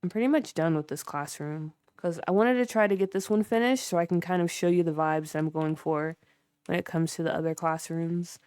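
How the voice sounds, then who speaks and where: Smooth-voiced chatty woman streamer. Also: on the low side, brisk, a little mellow, no echo. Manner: chatty, filler-heavy, chats with viewers. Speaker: livestreamer. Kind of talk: casual livestream commentary while building in a game.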